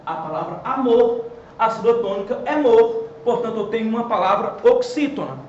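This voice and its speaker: A man with a Brazilian accent teaching a lively grammar lesson at a whiteboard. He asks questions and answers them himself, and stresses key words. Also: sits high, a little fast, reverberant, highs cut off, a little hiss or hum. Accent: Brazilian Portuguese. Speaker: Portuguese teacher.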